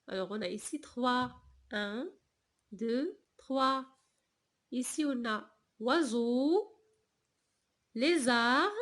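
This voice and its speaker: A woman teaching a reading lesson to young children, slowly repeating each sound, syllable and word. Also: a little high, fairly bright tone. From Morocco. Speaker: primary school teacher.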